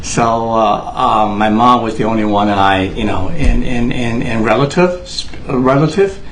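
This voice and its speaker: An earnest Taiwanese man speaks unscripted to the camera, addressing Americans. His mid-range voice comes out haltingly, full of fillers and restarts, over a poor recording with slight background noise.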